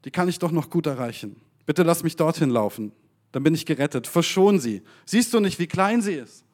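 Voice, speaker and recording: A man's voice: on the high side, expressive, brisk, darkish tone, voice pushed up. A man voicing an anxious grown man who pleads earnestly, read aloud in a sermon. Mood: begging.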